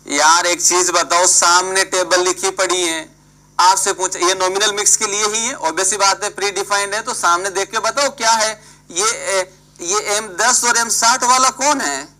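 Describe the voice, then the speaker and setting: A man's voice: high voice, fairly even intonation, normal speed, bright, forceful tone, low-quality recording. A man teaching an engineering class online, prodding and scolding students by name and mixing English terms into his talk.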